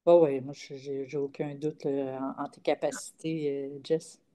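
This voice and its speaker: A woman comedian with a Quebec French accent, chatting casually in an interview and pausing often on filler sounds. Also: deep voice, little pitch movement, warm tone. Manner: halting, frequent "euh" fillers. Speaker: comedian guest.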